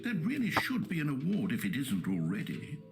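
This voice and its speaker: A smug, all-knowing game narrator talks in a dry, mock-soothing tone. His pitch swings widely from low to high, drawing out words for ironic effect. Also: wildly swooping pitch, brisk, soft background music. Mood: sardonic. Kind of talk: scripted video game narration.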